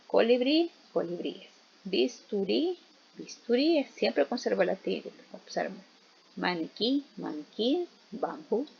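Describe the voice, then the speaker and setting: Gravelly woman teaching a grammar lesson. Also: mid-range voice, a little mellow. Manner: patient, explains step by step with rhetorical questions. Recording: dull, slightly noisy recording.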